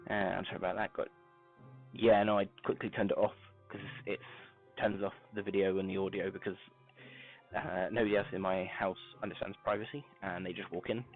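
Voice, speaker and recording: A man's voice: deep voice, little pitch movement, a little fast. Grainy, muffled man, as if through a wall. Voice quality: grainy voice when quiet. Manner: talks softly, mumbling to himself while crafting. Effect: muffled, as if talking through a wall. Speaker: game streamer. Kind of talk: casual live-stream gameplay commentary. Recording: muffled phone-like mic with faint music.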